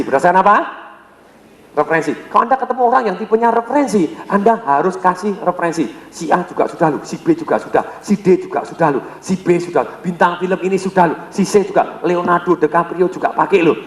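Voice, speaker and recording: An Indonesian middle-aged sales trainer leads an energetic seminar before a live audience in a large hall, his voice sitting high. He peppers his talk with direct address and rhetorical questions, calling on listeners and having them finish his sentences, and the echoey hall gives a long reverb.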